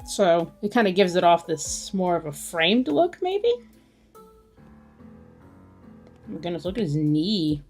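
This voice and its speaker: Her low, darkish voice is animated yet measured, broken up by long pauses. She chats and thinks aloud while drawing on a livestream, with music in the background.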